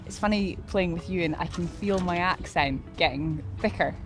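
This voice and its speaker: A woman with a gentle East Coast Scottish accent, hosting and chatting casually as she plays golf. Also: fairly low pitch, normal speed, over music. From east coast of Scotland. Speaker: host and golfer. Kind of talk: casual on-course chat.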